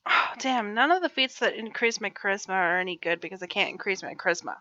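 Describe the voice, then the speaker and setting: A woman playing in a tabletop game, in quick, laughing banter with her group. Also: medium pitch, pushed and bright, highs cut off. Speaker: player. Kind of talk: casual chat at a tabletop game.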